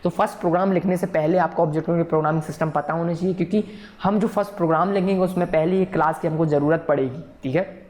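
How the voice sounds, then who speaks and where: A man's voice: a little high, fairly even intonation, rapid-fire, darkish tone. A man teaching a programming class in a recorded tutorial, explaining patiently and checking in with listeners often. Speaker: programming instructor. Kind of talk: recorded coding tutorial lecture.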